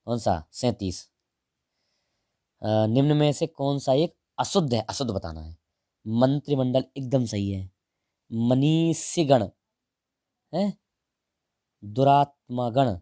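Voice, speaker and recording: A man walks through an exam answer key one option at a time, explaining each in a casual, direct manner and calling the listener brother. His voice is medium-pitched with a darkish tone, and he stretches out some words slowly while writing. The recording is dry and clean, with studio sound.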